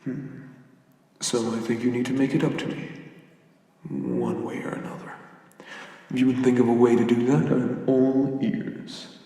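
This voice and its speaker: A man with an Irish accent playing an old giant god of the hunt in a soft ASMR role-play, measured and formal, courteous with quiet menace. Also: medium pitch, level tone, creaky. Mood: calm, commanding. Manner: slow, measured, formal, condescendingly gentle giant. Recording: echoey hall-like reverb, somewhat distant.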